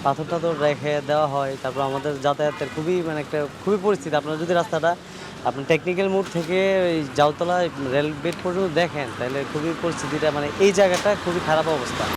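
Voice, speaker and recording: A man resident complaining in a street interview outdoors by a road. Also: a little high. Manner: quick, complaining. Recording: street traffic behind. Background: traffic.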